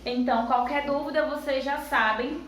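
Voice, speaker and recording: A woman teaching a lesson to young children. She asks questions and answers them herself, and she counts syllables aloud slowly. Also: high voice, steady tone, fairly bright tone. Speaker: primary school teacher. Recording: very echoey room, voice far from the mic.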